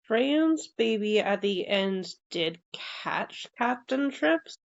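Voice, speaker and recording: A woman's voice: medium pitch, animated, slow, gravelly. A woman on a podcast, carefully explaining a book's plot, hedging with "like". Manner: thoughtful, hedging with "like". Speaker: podcast co-host. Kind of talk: casual book discussion. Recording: dull lo-fi recording.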